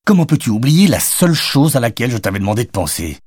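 A man reading an audiobook, voicing an exasperated, bossy father who scolds in a raised, brisk voice. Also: on the low side, lively intonation, darkish tone, breathy edge, no room sound, studio quality, voice pushed up.

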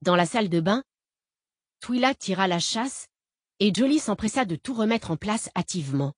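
Brief: female audiobook narrator, mid-pitched, steady delivery, dry booth. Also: moderate pace, slightly rough, no room sound.

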